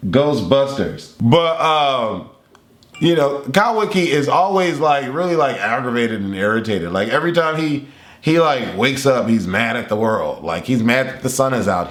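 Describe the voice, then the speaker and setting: Male anime reviewer, casual and rambling, animated and laughing, middle pitch, recorded with room echo. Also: moderate pace. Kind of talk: casual chat. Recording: roomy echo.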